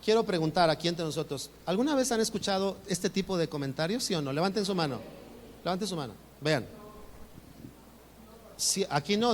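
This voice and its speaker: A man preaching a sermon as pastor, animated, acting out his congregants' voices. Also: a little hiss or hum. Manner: animated, acts out congregants' voices with rising pitch. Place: church sanctuary. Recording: reverberant church hall, faint ambience.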